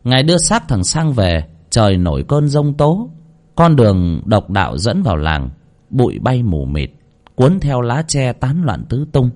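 Man narrator, horror tale, dramatic, lively pitch. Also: unhurried. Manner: dramatic, vivid reading. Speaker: storyteller. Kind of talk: scripted horror story narration.

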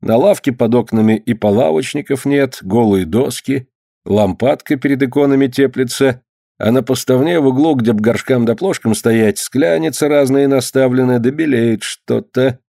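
A man's voice: medium pitch, moderate pace, vocal fry, warm tone, dry recording. Man narrating a historical tale, dry sound.

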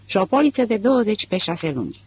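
A male audiobook reader voicing a calm, polite salesman who stays pleasant while he bargains. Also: sits high, slight background noise, voice pushed up. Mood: calm bargaining. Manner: amiable, calm, smooth.

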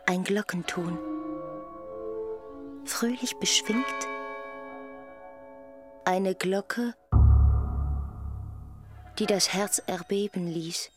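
An actress speaking a slow, dreamy, poetic inner voice in a radio play. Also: female voice, medium pitch. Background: music.

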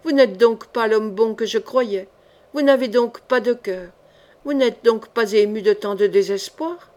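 A woman's voice: a little high, steady tone, a little slow, lightly acted. A woman reader voicing a young woman who pleads fervently with a king. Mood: pleading.

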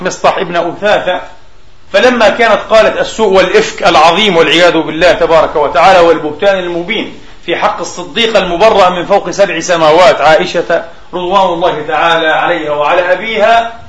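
High-voiced preacher in an echoey hall. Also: male voice, fairly bright tone. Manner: slow emphatic recitation of quotes, explanatory asides. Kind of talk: Friday sermon.

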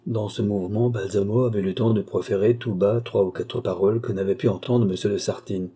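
A man narrating an audiobook, reading at a measured, steady pace. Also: fairly low pitch, breathy edge. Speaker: audiobook reader.

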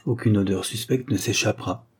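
A man's voice: on the low side, brisk, darkish tone, husky. A man doing a wry young chemist. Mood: dry. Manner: dry, ironic explanations. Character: young male chemist, calm, wry and in charge.

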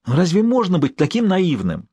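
A man's voice: on the high side, very animated, normal speed, a little mellow, breathy edge, no room sound, voice pushed up. Man reading a teasing, lecturing professor. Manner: lecturing, cheerfully scolding. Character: brisk, teasing male professor and personal doctor.

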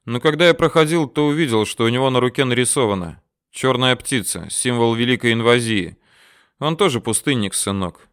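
A man's voice: mid-range voice, expressive, a little fast, a bit bright, clean tone, no room sound, clean studio sound. A man voicing a wry, defiant older father who teases and stands his ground.

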